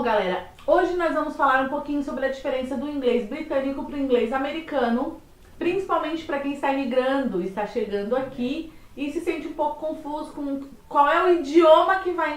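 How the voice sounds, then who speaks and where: Woman, co-host, friendly, talks to viewers, raised pitch, echoey room. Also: lively intonation, a little fast, distant mic. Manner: friendly, addresses viewers directly. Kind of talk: casual explainer chat. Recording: echoey room, away from mic.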